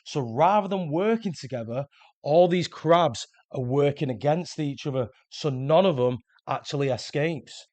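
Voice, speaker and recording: A man's voice: on the high side, measured pace, darkish tone, dry recording. Earnest man explaining self-improvement. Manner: earnest, explanatory, repeats words when restarting. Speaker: self-improvement video host. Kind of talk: scripted motivational monologue.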